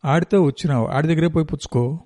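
A man's voice: a little high, fast talker, warm tone, no echo, clean studio sound, lightly acted. A man playing a stubborn proud young fisherman. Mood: blunt scornful.

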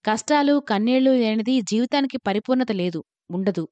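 A kind, fatherly temple priest who speaks softly and consolingly, as a woman reads him in a story. The voice sits fairly high and the recording is dry and a bit dull. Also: lively intonation, brisk, no room sound, lightly acted. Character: kind, gentle older male temple priest.

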